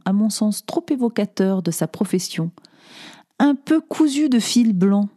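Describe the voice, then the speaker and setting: A woman reading a first-person literary text aloud in a wry, ironic, deliberate manner. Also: on the low side, warm tone. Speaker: audiobook narrator. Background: faint music.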